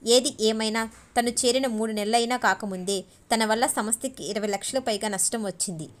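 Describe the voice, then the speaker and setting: A woman narrating a novel as an audiobook, in steady, measured storytelling. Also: on the high side. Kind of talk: novel reading.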